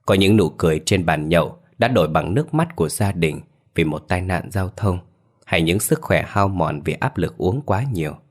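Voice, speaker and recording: A man narrating a ghost story in a measured storytelling way. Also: low-pitched. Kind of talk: scripted horror narration.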